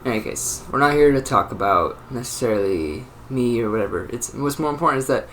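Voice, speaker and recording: A man's voice: medium pitch, expressive, brisk, fairly bright tone, a little hiss or hum. A man in his early twenties talking alone in a rambling, thoughtful way, with many fillers and restarts. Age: 20s. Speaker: channel host. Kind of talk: casual solo monologue.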